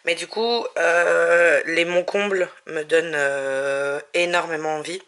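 Female book vlogger, hesitant casual chat, bright tone. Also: lowish voice, fairly even intonation, slow pace. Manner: hesitant, many fillers and restarts. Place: at home.

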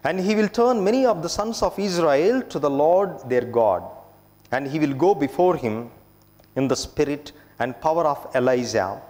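Male priest, solemn formal liturgical reader, somewhat higher voice, long church echo. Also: animated, a little mellow. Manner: measured, formal delivery. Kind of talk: solemn scripture reading at Mass. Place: inside a church at the lectern. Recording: echoing church with long reverb.

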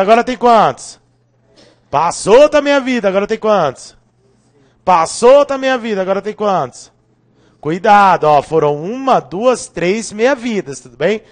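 A man with a Brazilian Portuguese accent teaching a live online chemistry review class, joking and constantly checking in with his students. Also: sits high.

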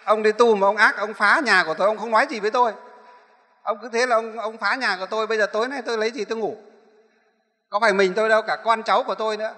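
A monk voicing a shrill angry spirit. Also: male voice, steady tone, very fast, sharp tone. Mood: furious, aggrieved. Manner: shrill, scolding, indignant complaints. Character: angry spirit possessing a thin village woman, cursing. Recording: echoey hall.

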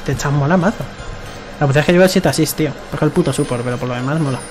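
Slangy young Spanish man, loud music behind. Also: fairly high pitch, very fast. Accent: Spanish from Spain. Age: young adult. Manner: foul-mouthed, slangy. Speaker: gaming streamer. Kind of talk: casual gameplay commentary with friends.

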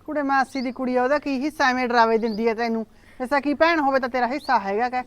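A woman's voice: sits high, fast talker, natural voice. A woman playing a scolding village aunt. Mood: stern. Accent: Punjabi. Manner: scolding, reassuring. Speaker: older aunt consoling her niece. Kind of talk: village drama dialogue.

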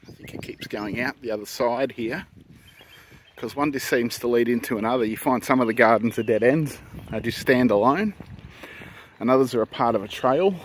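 A man talks in a relaxed, chatty way as he strolls through outdoor gardens, narrating what he finds. His voice sits at an ordinary middle pitch. There is a faint hiss of outdoor noise behind him. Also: moderate pace. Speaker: travel vlogger. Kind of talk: casual walking commentary. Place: outdoors in large public gardens.

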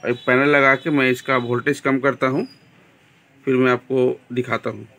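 A man with a Bihari Hindi accent calmly explaining a TV repair step by step in a small workshop, filmed on a phone. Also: medium pitch, moderate pace. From India. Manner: plain, step-by-step explaining, addresses viewers as friends. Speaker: TV repair technician. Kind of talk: repair tutorial narration.

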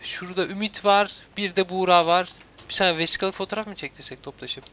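A man's voice: high-pitched, steady tone, quick pace, bright, forceful tone, a little hiss or hum. A young man hosting a gaming video with casual running commentary among friends.

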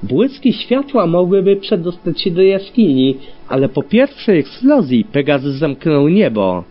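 A man reading a story aloud as an audiobook, telling it in an expressive way. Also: high voice. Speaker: audiobook reader. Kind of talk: scripted narration of fan fiction. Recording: dull lo-fi with faint music.

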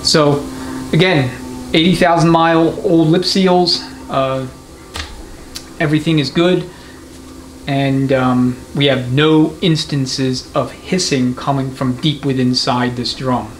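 The workshop's background noise is clearly heard as a transmission mechanic gives a hands-on, unscripted demonstration indoors. He speaks slowly in a mid-range voice with fairly even intonation, explaining things methodically yet conversationally.

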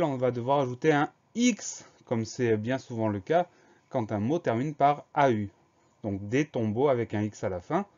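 A man's voice: medium pitch, a little mellow, muffled recording. A man teaching a spelling lesson, patiently explaining each word and spelling it out letter by letter.

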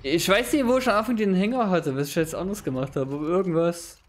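A man's voice: high voice, quick pace, slight background noise. A young man giving casual let's play commentary, thinking aloud and questioning himself into a close mic. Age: young adult.

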